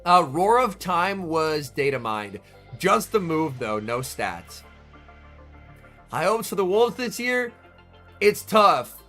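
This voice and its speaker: A young man, a bit under the weather, giving chatty, excitable live-stream commentary at a tournament watch party and answering his chat by name. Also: a little high, slow pace, long pauses, faint music behind.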